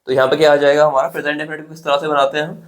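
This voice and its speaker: An Indian man with a slightly high voice and flat, rapid-fire delivery teaches an exam-prep English grammar lesson. He explains things step by step and often checks in with his students by asking "theek hai?".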